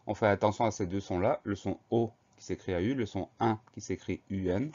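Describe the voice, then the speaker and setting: A man's voice: fairly low pitch, brisk, darkish tone, dull audio. Patient man spelling words aloud. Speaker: teacher. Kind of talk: spelling lesson for children.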